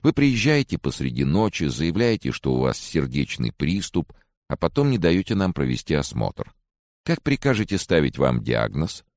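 A man's voice: very deep voice, huge pitch swings, moderate pace, darkish tone, no echo, exaggerated voice. A man doing a weary, skeptical doctor. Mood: dry. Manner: dry, matter-of-fact, slightly mocking. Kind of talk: audiobook character voice.

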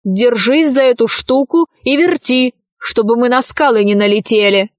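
A woman voicing a crafty, predatory male troll posing as a ship's captain in a storybook, speaking slowly and gloatingly. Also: fairly high pitch, no room sound, clean studio sound, natural voice. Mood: gruff.

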